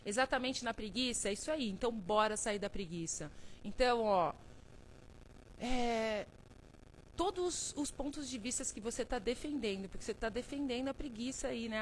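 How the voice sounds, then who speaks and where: A woman with a slightly high voice hosts a casual self-help live stream. She coaxes her viewers playfully and addresses them affectionately, breaking into frequent chuckles. A faint hiss sits under her voice. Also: low-quality recording. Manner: affectionate, calls viewers by name and "love"; coaxing, motivational.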